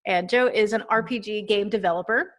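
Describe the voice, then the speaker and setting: A woman's voice: mid-range voice, a little fast. A woman from Texas hosting a casual podcast chat, chatty and giggly with many fillers. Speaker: podcast host.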